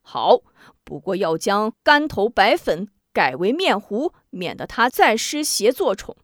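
A woman's voice: medium pitch, sing-song, unhurried, no room sound, studio quality. A woman storyteller voicing an arrogant, hot-tempered elderly prince who blusters proudly. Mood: blustering.

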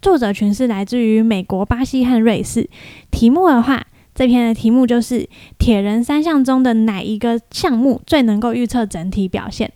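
A woman's voice: on the high side, moderate pace, warm tone, no room sound. A young woman hosts a podcast, telling a story in a casual, chatty way and mimicking other people's voices in quoted lines. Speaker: podcast host.

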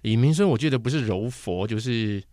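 A young man from Taiwan, a guest on a casual podcast chat, telling animated stories about his acting past. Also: mid-range voice, brisk, no echo, clean studio sound. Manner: animated storyteller who slips into mimicked voices.

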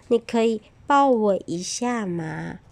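A woman's voice: mid-range voice, lively intonation, takes it slowly, vocal fry, darkish tone, dry recording. A woman voicing a lonely little hedgehog who keeps asking for hugs, in a storybook reading. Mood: pleading. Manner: pleading, sweet.

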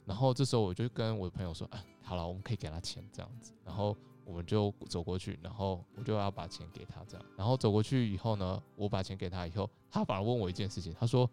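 A man co-hosting a casual podcast, telling stories in an animated way and laughing often. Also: deep voice, fast, vocal fry, few pauses, faint music behind. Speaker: podcast co-host. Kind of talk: casual chat, storytelling.

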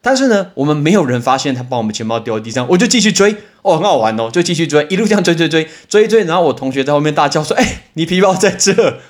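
A man hosts a casual English vocabulary podcast. He tells stories with lively energy and slows right down to repeat each new word for his listeners. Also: fairly high pitch. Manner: lively storytelling, repeats English words slowly for drilling.

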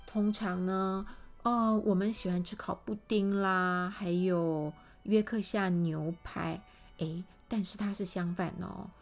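A woman reading a children's storybook aloud, animated and speaking directly to the little listeners. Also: fairly low pitch.

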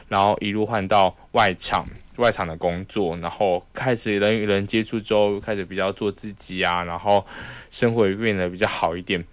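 In a lowish voice on a dry recording, a young man speaking with a Taiwanese Mandarin accent hosts a podcast, recounting something that happened to him. He's relaxed yet animated, performing each voice he quotes.

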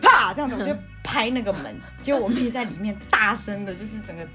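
A woman, co-hosting a podcast. She tells childhood stories in a casual, animated way, laughs often and acts out what people said, with music behind her. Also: mid-range voice, fast. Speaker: podcast co-host. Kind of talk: casual storytelling chat.

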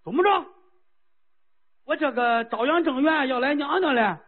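A man's voice: expressive, normal speed. A man voicing an impatient, girl-crazy ancient king who pleads and whines eagerly. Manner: eager, whiny, high-pitched pleading. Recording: tinny lo-fi phone-like sound.

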